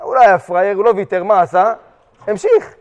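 A man teaching a lively religious lesson to his students, throwing questions at the room and acting out little quotes. His voice sits high for a man. It rings with a long echo, as in a big hall. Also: clear, resonant tone. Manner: animated, questions the class, acts out short quotes. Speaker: yeshiva teacher.

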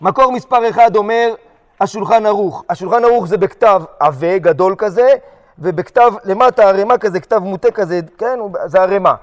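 Guy teaching yeshiva guys halakha, fairly high voice, keeps asking the class stuff, echoey hall. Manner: animated, questions the class, acts out short quotes. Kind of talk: halakha lesson to students.

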